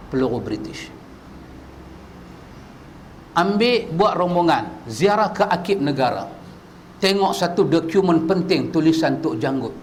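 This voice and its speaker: A male preacher, giving a religious lecture full of rhetorical questions that climb from low asides to high shouted peaks. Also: slight background noise. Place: mosque prayer hall.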